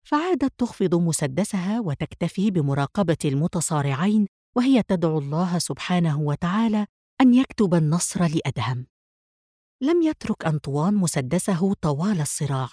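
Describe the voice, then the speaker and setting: A woman narrating a spy novel aloud in a steady, even reading voice. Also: on the low side, no echo, clean studio sound.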